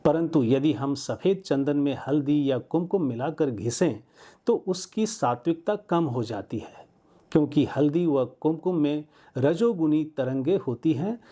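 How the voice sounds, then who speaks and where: A man presenting a program in formal, measured narration. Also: fairly high pitch, expressive, warm tone. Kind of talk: scripted spiritual-educational narration.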